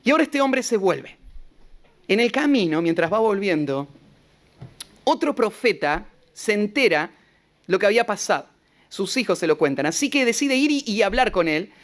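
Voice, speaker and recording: A man's voice: sits high, very animated, normal speed. A man with a Rioplatense Argentine accent, preaching an expository sermon as pastor, retelling scripture with rhetorical asides and often repeating short words. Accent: Rioplatense Argentine Spanish.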